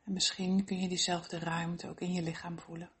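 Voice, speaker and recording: A soft, breathy voice guiding a body-scan meditation, speaking gently and slowly with long pauses. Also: medium pitch, level tone. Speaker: meditation guide.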